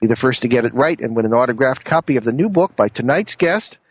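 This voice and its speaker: A man's voice: mid-range voice, lively intonation, fast talker, husky, no echo. A man hosting a radio talk show, giving announcements and sponsor reads. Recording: dull lo-fi radio audio.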